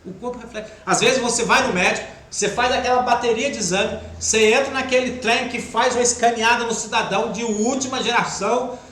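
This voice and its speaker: A man with a Brazilian Portuguese accent giving an informal spiritist talk, acting out everyday speech in quick quoted asides. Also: very high voice, a bit bright. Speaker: spiritist lecturer. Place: spiritist center hall. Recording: echoey room with faint noise.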